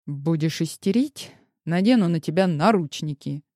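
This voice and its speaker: A woman's voice: sits low, animated, moderate pace, a little mellow, no echo, studio quality. A woman voicing a mocking, brash police colonel who speaks in a sardonic, bossy way.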